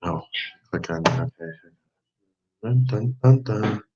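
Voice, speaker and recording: A livestream co-host chats casually and easygoingly during a stream test. His voice sits on the low side and moves at a slow pace. The lo-fi livestream audio carries some background noise.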